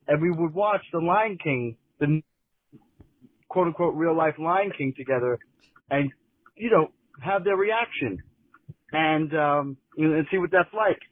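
A man's voice: a little high, moderate pace, pauses often, no room sound. A man leaving a long, rambling voicemail for a show, heard over a phone line. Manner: rambling, meandering. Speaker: caller. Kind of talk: casual voicemail.

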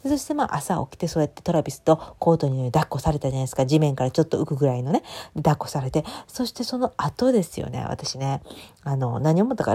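A woman in her forties with a Kansai accent, talking casually and playfully as host of her own radio show. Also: slightly rough. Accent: Kansai Japanese. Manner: chatty and playful, with sudden lively jumps in pitch. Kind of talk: casual solo radio talk.

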